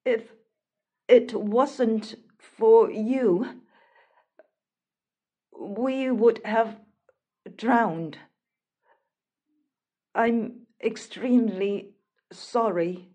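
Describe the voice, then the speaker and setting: A woman's voice: sits high, animated, drawn-out words, warm tone, full character voice. A woman voicing a young male prince from a storybook, pleading and stammering as he apologizes. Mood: guilty.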